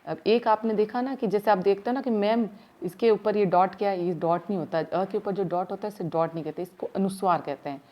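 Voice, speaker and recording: A woman teaching primary school grammar in a slow, step-by-step way, asking her class questions as she goes, with words her speech. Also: medium pitch, dull audio. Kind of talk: recorded grammar lesson.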